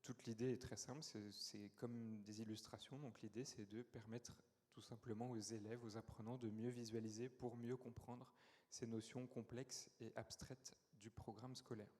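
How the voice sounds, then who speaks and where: Man pitching in a conference hall. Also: flat delivery, moderate pace, darkish tone. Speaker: startup founder pitching. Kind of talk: business pitch.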